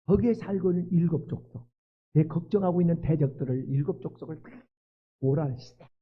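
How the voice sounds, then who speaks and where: A male pastor preaching a sermon, moving from hushed pleading to loud, fervent cries. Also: on the high side, brisk. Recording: tinny phone-like sound.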